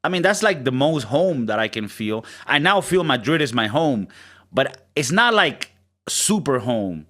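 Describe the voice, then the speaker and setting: Rambling and swearing, a Spanish-accented podcast co-host in his thirties stammers into restarts and imitates other people during casual chat. His voice is mid-range and sharp in tone, a little slow, with big pitch swings.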